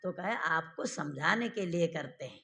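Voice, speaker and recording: A man teaching Sanskrit grammar in a lecture, quizzing his listeners with questions and repeating each definition slowly. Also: fairly high pitch, animated, sharp tone. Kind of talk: classroom lecture.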